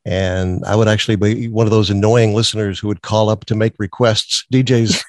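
Chatty low-voiced man telling stories. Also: little pitch movement, normal speed, dry recording. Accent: neutral American, no strong regional accent. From Massachusetts. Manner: chatty, laughs often while telling stories. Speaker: guest. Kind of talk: casual interview chat.

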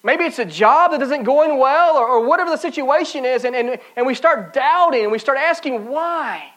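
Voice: high-pitched, fairly quick, fairly bright tone, poor audio. A pastor preaching a sermon in a casual, conversational way, with frequent restarts and asides and quoted doubts acted out.

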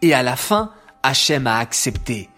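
A woman narrating a scripted children's story in an expressive storybook manner. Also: rumbling low, moderate pace, faint music behind.

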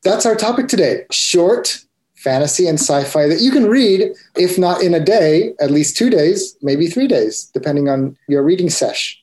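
A man's voice: a little high, lively intonation, normal speed, a little mellow. A man co-hosting a podcast, talking in an easygoing, chatty way with a few restarts. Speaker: podcast co-host. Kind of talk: casual chat.

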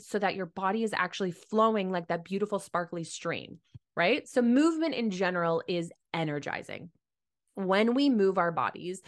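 A woman giving a casual motivational talk to camera, chatty and full of fillers. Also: medium pitch. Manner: chatty, filler-heavy, animated with put-on voices.

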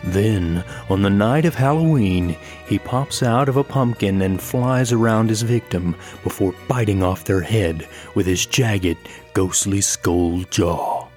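A man voicing a boy in a pirate costume who tells a ghost legend in a slow, hushed, spooky storytelling manner, with faint music behind. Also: on the low side, pitched below the performer's own voice, close to an everyday voice.

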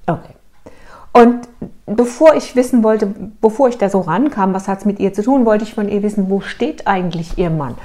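A middle-aged woman therapist telling a client's case to a video audience, asking questions and answering them herself, sometimes dropping to a hush. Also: mid-range voice, normal speed. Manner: lively, rhetorical questions, answers herself, dramatic drops to a hush. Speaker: therapist in private practice.

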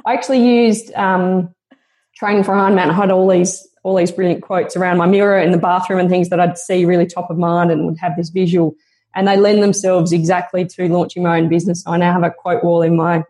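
A woman's voice: fairly low pitch, level tone, brisk, warm tone. A woman guest on a podcast interview, speaking in an earnest, motivational and reflective way.

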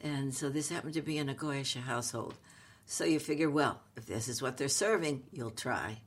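Woman, late eighties, New with flavor. Halting, wry, playful conversational storyteller. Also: very deep voice, slightly rough. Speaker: comedic actress, podcast co-host.

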